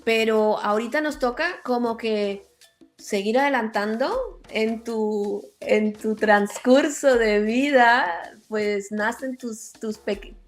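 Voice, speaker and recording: A woman hosting an interview, giving short backchannels and unhurried prompts. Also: a little high. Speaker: host. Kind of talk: casual interview.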